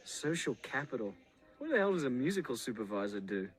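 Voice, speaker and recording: A man's voice: medium pitch, big pitch swings, brisk, poor audio. A man recording a joking film commentary, full of sarcastic, mock-insulting banter. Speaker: filmmaker on a commentary track.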